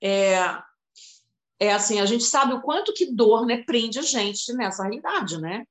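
A woman in her fifties with a slightly high voice, telling a personal story in a loose, emotional, rambling way. She keeps turning to her listener by name as she talks. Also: lively intonation, a little slow, roomy sound. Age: 50s. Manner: emotional, rambling, addresses the other by name often. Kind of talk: casual conversation about healing and spirituality.

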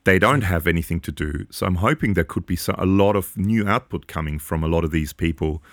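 Deep-voiced man in his forties, rambling. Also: fairly quick, no room sound, studio quality. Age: 40s. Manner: earnest, long rambling opinions. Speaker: podcast co-host. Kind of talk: casual podcast chat.

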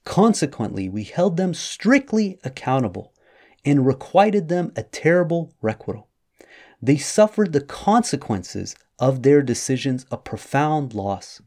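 A man hosting a religious study podcast, reading verses aloud and explaining them in a measured way. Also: on the high side, warm tone. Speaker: podcast host.

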